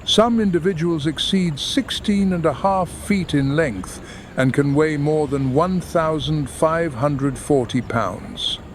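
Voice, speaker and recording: A man narrating a scripted nature documentary in a measured, dramatic delivery. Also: a little high, a little hiss or hum. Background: background music.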